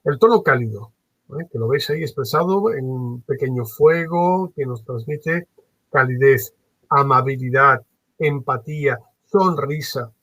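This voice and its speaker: A man lecturing as a trainer in a workshop, animated and varying his tone on purpose, with many fillers. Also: mid-range voice, measured pace, dry recording, poor audio. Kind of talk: workshop lecture on phone customer service.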